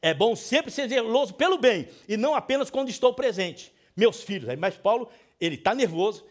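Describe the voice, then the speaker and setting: Male pastor, middle-aged, from Brazil; high, lively delivery, emphatic sermon style. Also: a little fast. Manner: swings from hushed pleading to loud scolding; emphatic, preacherly.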